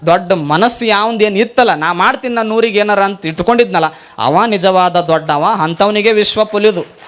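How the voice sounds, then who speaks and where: A high-pitched man preaches a sermon in a North Karnataka accent. He tells folksy stories, acts out the dialogue of the people in them and chants devotional verses in a slower, measured cadence. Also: fairly bright tone. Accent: North Karnataka Kannada. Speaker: monk preacher.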